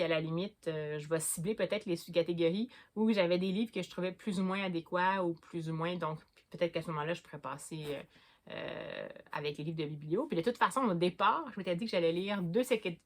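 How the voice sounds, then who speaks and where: Woman, Québécois accent, slightly low voice, casual book vlogger, hesitant and rambling. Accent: Québécois French. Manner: chatty, hesitant, many fillers and restarts. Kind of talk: casual chat about books.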